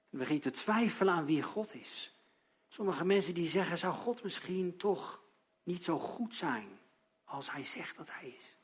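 A man preaching a sermon, dramatic and emphatic, at times rising to loud outbursts. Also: medium pitch, husky.

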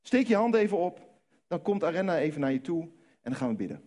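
A man's voice: on the high side, very animated, fast, a little mellow. Fervent male pastor leading prayer. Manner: fervent, urging the congregation. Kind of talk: leading church prayer and preaching. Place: church service.

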